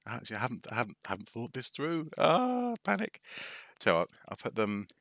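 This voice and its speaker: A man's voice: medium pitch, huge pitch swings, fairly quick, creaky, a bit bright, no echo, clean studio sound. A man from North Wales chatting casually on a live stream, hesitant with lots of restarts and wry asides. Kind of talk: casual rambling show-and-tell.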